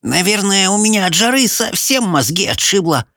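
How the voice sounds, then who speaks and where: A man voicing a stubborn, sharp-tongued young woman who speaks coldly and pointedly. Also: high-pitched, sing-song, moderate pace, dry recording, studio quality, voice pushed up, full character voice. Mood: muttering. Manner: cold, pointed.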